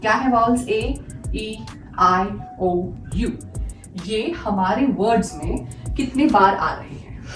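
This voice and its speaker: A woman teaching a grammar lesson, patiently asking and answering her own questions and repeating examples. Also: fairly high pitch. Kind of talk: classroom-style grammar lesson. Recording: echoey room, mic at a distance, faint music.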